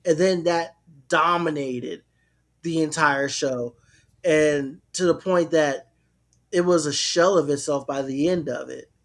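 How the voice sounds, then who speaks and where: A man in a casual chat with friends, talking in a relaxed, reflective way and drawing out his phrases. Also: fairly high pitch, slow.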